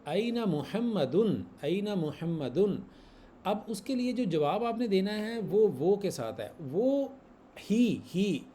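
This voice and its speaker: A man's voice: sits high, big pitch swings, takes it slowly, warm tone, a little hiss or hum. A man teaching a class, patiently repeating examples and quizzing his students. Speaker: Arabic grammar teacher. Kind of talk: online class lesson.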